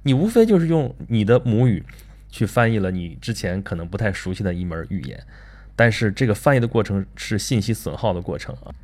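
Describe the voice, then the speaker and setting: Host, male, quick animated delivery, keeps asking rhetorical questions. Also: fairly low pitch. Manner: lively, rhetorical questions, frequent filler particles. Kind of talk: casual lecture-style talk.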